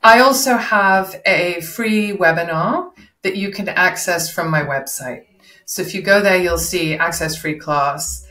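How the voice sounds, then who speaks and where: A woman who works as a voice and performance coach, talking as a guest in an interview in a measured, explanatory way. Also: on the low side, bright, forceful tone. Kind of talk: casual interview.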